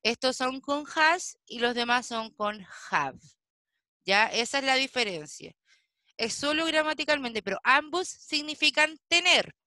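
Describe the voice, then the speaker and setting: Slow, bright-voiced woman teacher. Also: high voice, lively intonation, no echo. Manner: slow, patient explaining with frequent checking questions. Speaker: English teacher. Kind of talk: online class lesson.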